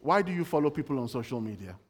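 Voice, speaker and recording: A man's voice: mid-range voice, very animated, quick pace, long reverb tail. A man giving a sermon in a conversational way, telling everyday stories and asking the congregation questions. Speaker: preacher.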